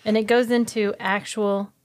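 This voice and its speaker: A woman's voice: medium pitch, little pitch movement, normal speed. A middle-aged woman co-hosting a podcast in casual chat, patiently reading out facts and figures. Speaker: podcast co-host.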